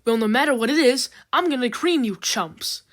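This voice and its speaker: A woman voicing a chaotic, rambunctious male drill who blurts and yells. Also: sits high, expressive, a little fast, no room sound, clean studio sound, voice pushed up. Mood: rowdy. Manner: loud, blurting, boastful. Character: pushy rowdy male drill object.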